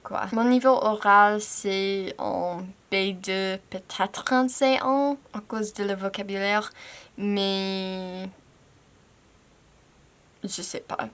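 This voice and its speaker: Slow, hesitant young woman with an English accent. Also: medium pitch. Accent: English-speaking learner of French. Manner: hesitant, searching for words, trailing off. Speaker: language-learning vlogger. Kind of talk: casual talk to camera.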